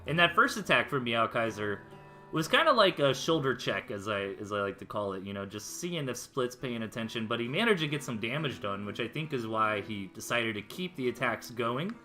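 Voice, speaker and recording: With guitar music underneath, an American man casts an esports replay, talking through the action in casual, slang-heavy conversational terms. His voice sits at a medium pitch and comes across very bright and forceful, with a sing-song lilt and a fairly quick delivery.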